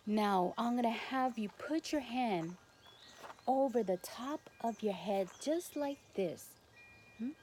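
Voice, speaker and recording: A woman with a Spanish accent gives guided spiritual instruction to the camera as a Reiki teacher, speaking non-native English in short, halting phrases. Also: a little high, darkish tone. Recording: noticeable background noise.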